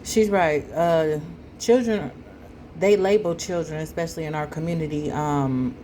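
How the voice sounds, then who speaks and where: A woman commentator with a low, mellow voice and an unhurried delivery, giving her opinionated take on a video. Clear background noise sits under her voice. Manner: critical, opinionated. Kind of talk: spoken commentary.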